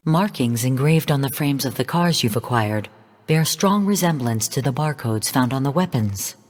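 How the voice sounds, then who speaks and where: Playing a video game's mission-guiding artificial intelligence, an actress delivers formal, measured briefings that sound composed, cool and commanding, in an instructive mood. She has a bass-range, darkish voice with lively intonation, and a long reverb tail follows her words.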